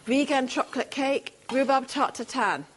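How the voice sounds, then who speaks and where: A woman's voice: high-pitched, moderate pace, a little hiss or hum. A woman presenting on a shopping channel, bubbly and gushing as she leafs through a cookbook with a chef guest. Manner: bubbly, gushing over food. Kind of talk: studio presenting.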